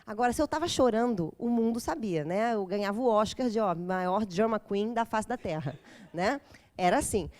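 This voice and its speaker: A woman's voice: medium pitch, expressive, normal speed, a little mellow. A woman giving an intense, dramatic talk at a parents' course, quizzing her audience as she goes. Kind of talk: lecture to a live group.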